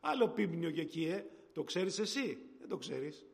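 Gravelly-voiced preacher in a reverberant hall. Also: male voice, fairly high pitch, lively intonation. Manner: conversational, rising to emphatic. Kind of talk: sermon.

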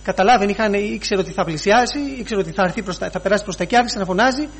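A man preaching a sermon, pausing often, repeating phrases and inserting "he says" as he retells scripture. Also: high voice, husky.

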